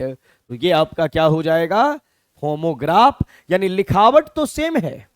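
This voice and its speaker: A male teacher with a Hindi accent, explaining words one step at a time and stopping often to ask whether the class has it. His voice sits high and swings widely in pitch. The sound is close and dry. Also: dry recording. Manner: explains step by step, checks with "clear?". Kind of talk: classroom lecture.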